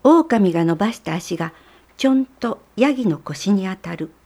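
A woman narrating a children's storybook in a calm, measured way. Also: medium pitch.

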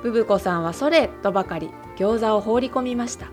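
A woman with a Kansai accent, reading a children's picture book aloud in a gentle, even storytelling manner. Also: fairly high pitch, a little fast, soft background music. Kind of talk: storybook narration.

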